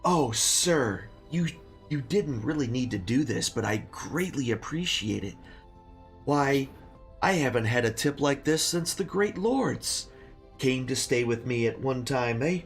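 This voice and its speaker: A man's voice: mid-range voice, lively intonation, a little slow, soft background music. A man voicing a very old, chatty and grateful innkeeper in a tabletop game, rambling and quaintly polite. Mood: grateful, nostalgic.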